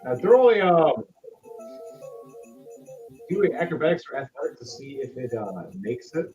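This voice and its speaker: Game master, male: lively swooping delivery, casual and theatrical, lo-fi sound with music underneath. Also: on the high side, normal speed, recorded from a distance. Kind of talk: animated tabletop game narration. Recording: dull lo-fi audio with music.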